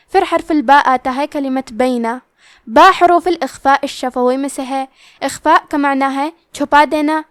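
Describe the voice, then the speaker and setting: High-voiced woman teaching Quran recitation. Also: no room sound, clean studio sound. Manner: explains rules step by step, then recites words slowly. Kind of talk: tajweed lesson with slow recitation.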